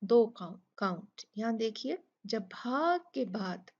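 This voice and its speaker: Woman teaching recitation rules, kinda high voice, answers her own questions, dull lo-fi sound. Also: animated, a little mellow. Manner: asks questions and answers them herself; slowly sounds out words as examples. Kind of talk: step-by-step recitation lesson. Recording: dull lo-fi recording.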